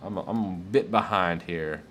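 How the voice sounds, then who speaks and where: A man's voice: low voice, unhurried, a bit bright, slight background noise. Chatty man hosting a tech stream. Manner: enthusiastic, chatty, rambling with fillers. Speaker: tech streamer answering viewer questions. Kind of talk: casual live-stream Q&A.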